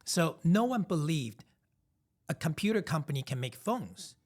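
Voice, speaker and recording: A man's voice: a little high, big pitch swings, a little slow, darkish tone. A man in his thirties, originally from Taiwan, co-hosting a casual podcast chat and telling emphatic, reflective stories with frequent restarts. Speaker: podcast co-host.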